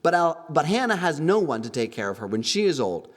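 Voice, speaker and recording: A man preaching a sermon as pastor at a church service, in an animated preaching manner that acts out the figures he quotes. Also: on the high side, fairly quick, in a large hall.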